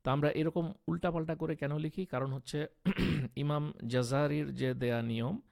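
A man's voice: a little high, fairly even intonation, moderate pace, creaky, darkish tone. A man teaching a Quran recitation lesson step by step, often asking a question and then answering it himself, with frequent hesitation fillers. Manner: patient, step-by-step, asks and answers his own questions. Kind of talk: explanatory lesson.

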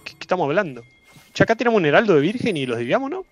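A man with a high-pitched voice and a Rioplatense Spanish accent races through excitable live commentary on his game as a streamer, tossing out casual swears and repeating himself.

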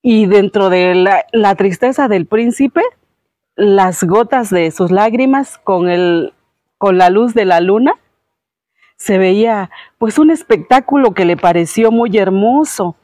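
A woman's voice: medium pitch, slow, dark tone, no room sound. A woman, a show host retelling a fairy tale casually with lots of fillers. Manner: homely, filler-heavy retelling. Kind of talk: casual storytelling.

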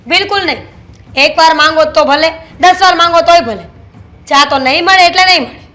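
A sharp-tongued young daughter-in-law, scolding with sarcasm. Her voice is very high and bright, with a hard edge that cuts through. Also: fairly quick.

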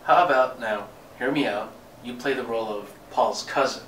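A young man acting in an amateur student skit as an upbeat, smooth-talking casting producer. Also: medium pitch, moderate pace, a bit bright. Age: young adult. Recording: roomy, distant, faint noise.

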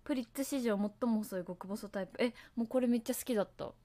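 A woman's voice: fairly high pitch, fast talker, mellow. A woman hosting a casual livestream, chatting to her viewers in a rambling way and laughing at herself. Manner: hums and sings along to songs between topics. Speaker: livestream host.

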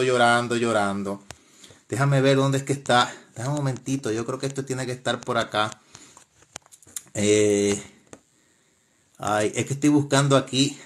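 A man's voice: medium pitch, a bit bright. A man hosting a live stream, casually commenting in a mocking, laughing way, with frequent exclamations.

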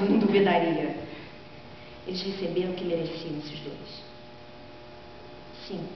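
A woman's voice: mid-range voice, lightly acted. Woman acting a proud, vengeful queen, very echoey. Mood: vengeful, scornful. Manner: theatrical, declamatory, emphatic dramatic reading with drawn-out phrases. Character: proud, vengeful queen who killed her husband, defiant and gloating. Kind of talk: dramatic stage reading of Greek tragedy. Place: large classroom or lecture room, indoors. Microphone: far camera microphone. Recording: echoey hall from afar, dull sound, mains hum.

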